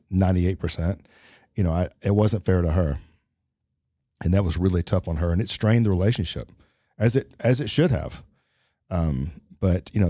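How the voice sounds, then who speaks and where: A man's voice: low-pitched, warm tone, dry recording, clean studio sound. A middle-aged man talking reflectively in a casual podcast conversation, with many fillers and restarts. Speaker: podcast co-host.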